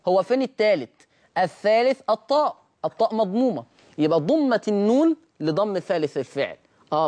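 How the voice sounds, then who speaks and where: A man's voice: a little high, a little mellow. Egyptian male recitation teacher, recorded lesson, voices the class's questions and drags words out to demonstrate them. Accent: Egyptian Arabic. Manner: asks students' questions himself, then answers them; stretches out words slowly to show how they are said. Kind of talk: recorded tajweed lesson with on-screen slides.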